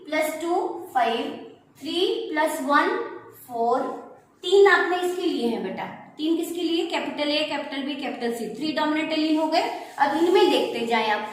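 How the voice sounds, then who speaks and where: This is a classroom lecture by a biology teacher, a woman with a high voice, who refers to her pupils as "beta" and answers her own questions. The recording comes from a distant mic in an echoey room, with faint noise present.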